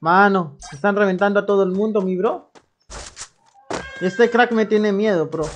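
Streaming her gameplay live, this young woman from Colombia trades slangy banter and pumps up her viewers. She talks at an unhurried pace in a medium pitch, and faint music plays behind her.

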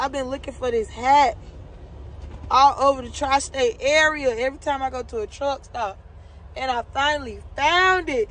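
A woman's voice: high-pitched, a bit bright, rough recording. A woman, a truck driver chatting candidly to her phone in her truck cab and swearing freely. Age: 20s. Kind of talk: casual vlog chat. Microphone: phone held at arm's length.

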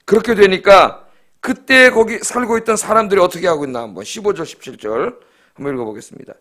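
A middle-aged pastor gives a dawn sermon in a church sanctuary, his somewhat high voice a bit bright. He preaches emphatically, constantly checking in with the congregation through quick rhetorical prompts, often asking "예?"

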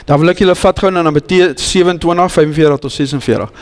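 A man's voice: fairly high pitch, rapid-fire. A man with a South African accent, an Afrikaans speaker, preaching an earnest, pleading sermon full of rhetorical questions and restarts. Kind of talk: bilingual church sermon. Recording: long hall reverb.

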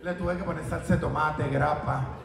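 A man doing animated stand-up comedy on a live stage, shrieking into high voices. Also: moderate pace, gravelly, recorded from a distance, noisy background. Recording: roomy venue, from the mic, loud crowd.

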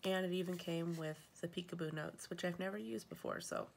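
A planner vlogger with a gravelly, lowish voice narrates her stickers at a fairly quick pace and a steady tone, seated at a table at home. She's sniffly from allergies and keeps the show-and-tell casual, with fillers and self-corrections. There's a little hiss or hum.

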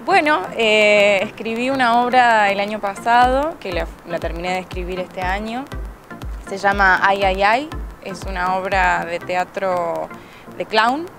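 A woman's voice: medium pitch, a little slow, fairly bright tone. Young Argentine woman, interview guest, handheld mic outdoors, chatty with fillers, music under her. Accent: Argentine Spanish. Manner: chatty, laughs often, hesitant fillers. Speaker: guest actress and playwright. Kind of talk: casual TV interview. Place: outdoors by a plant wall.

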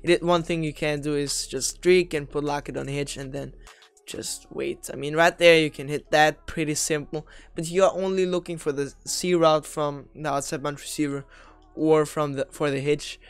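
Smooth-voiced young man breaking down plays. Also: fairly high pitch, steady tone, moderate pace. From Austria. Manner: chatty and analytical, with offhand jokes. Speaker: video game strategy creator. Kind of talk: casual gameplay tutorial commentary.

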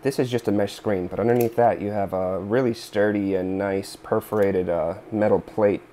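With a warm, fairly low voice, steady tone and normal speed, a thirtysomething DIY host talks through a repair while seated at a workbench board indoors in his living room. He thinks aloud with fillers and asides, and there's a little hiss or hum.

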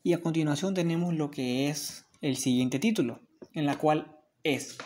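Someone reading bible verses and explaining them, slow measured delivery, mid pitch. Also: a little mellow. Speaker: Bible reader and commentator.

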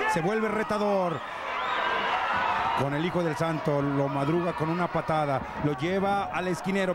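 A high-voiced Mexican man works as a wrestling commentator, calling the moves with urgency and repeated warnings. A very loud crowd and heavy noise surround his voice. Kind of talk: excited lucha libre play-by-play commentary.

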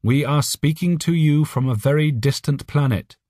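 In studio-quality audio with no room sound, a man voices a telepathic alien for an audiobook, pitching himself fairly high, above his natural voice yet still close to everyday speech. His tone is a little mellow and his pace normal, and he sounds urgent, friendly, and earnest, phrasing each line carefully.

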